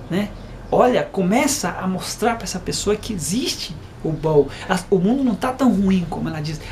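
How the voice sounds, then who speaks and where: A man's voice: high voice, gravelly, darkish tone, a little hiss or hum. A man giving an informal devotional talk, chatty and plain, often tagging his sentences with a questioning aside. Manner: reads a verse, stumbles, rereads it. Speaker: lay preacher.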